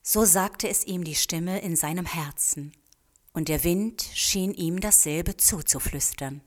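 A woman reads a children's story in a slow, unhurried way. Her voice sits a little low and stays gentle, often sinking into a soft whisper. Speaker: narrator. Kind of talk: storybook reading.

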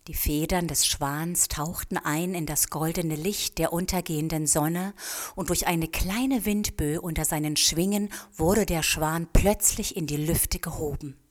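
A woman reading a children's story aloud in a gentle manner, often dropping into a soft whisper. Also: lowish voice. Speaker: narrator.

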